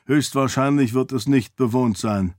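A man's voice: mid-range voice, moderate pace, a little mellow, no room sound, close to an everyday voice. A man voicing a big, laconic, wry and guarded man in an audiobook reading, speaking tersely and dryly. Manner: terse, dry.

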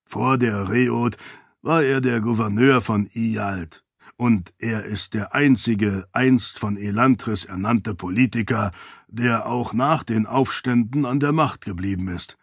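A man voicing a stout, shrewd older uncle in an audiobook, with a deep, raspy voice and a wry way of explaining. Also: slow, dry recording, clean studio sound, full character voice.

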